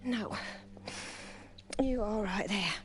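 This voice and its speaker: A woman's voice: mid-range voice, drawn-out words. An actress playing a cruel, mocking British crime boss in a video game, condescending and menacing with falsely motherly pet names. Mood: mock tenderness. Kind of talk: video game villain acting.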